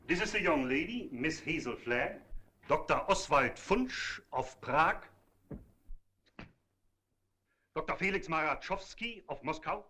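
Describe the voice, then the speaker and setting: An actor playing a pompous, self-important eminent doctor, speaking formally and declaiming in a 1930s comedy film. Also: male voice, on the high side, bright, forceful tone, slight background noise. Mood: grandly courteous.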